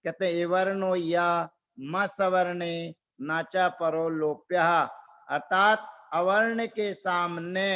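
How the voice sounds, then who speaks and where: A man teaching a Sanskrit grammar class online, reciting rules slowly and repeating them for the students. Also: high-pitched, a bit bright, dull audio. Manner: slow, repeats rules and drills pronunciation.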